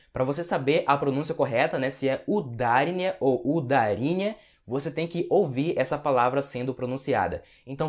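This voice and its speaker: A man with a Brazilian Portuguese accent, answering viewer questions as a language teacher in a relaxed, casual way. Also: medium pitch. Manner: relaxed, repeats tags like "tá?" and "né?". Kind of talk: casual Q&A lesson to camera.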